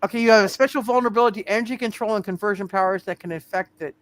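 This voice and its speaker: A man with a high, slightly bright voice runs a tabletop superhero game as game master. He talks casually and haltingly, often repeating words and phrases while working out the rules.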